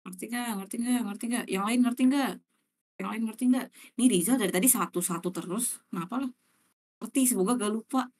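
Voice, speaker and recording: A woman's voice: mid-range voice, fast, darkish tone. A young woman, teaching a live online class in a chatty, slangy way and checking often whether students understand. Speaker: online exam-prep tutor.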